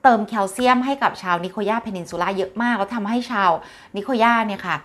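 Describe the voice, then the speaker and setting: In a casual health talk, a woman chats warmly with viewers and explains things, using her nickname to refer to herself. She talks fast, with a medium pitch and a fairly bright tone.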